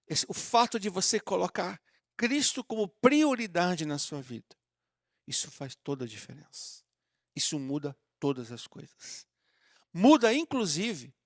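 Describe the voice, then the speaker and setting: A pastor from southern Brazil with a high voice preaches a sermon in a church auditorium, recorded at studio quality with no room sound. He talks to the congregation warmly and familiarly, in a conversational style, acting out sample prayers.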